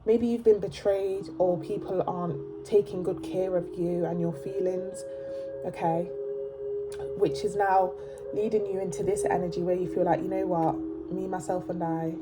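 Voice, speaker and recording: A woman's voice: lowish voice, steady tone, normal speed. Chatty woman reading tarot over music. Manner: chatty, emphatic, repeats "okay?". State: blocked nose. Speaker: tarot reader. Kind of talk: casual tarot reading to camera.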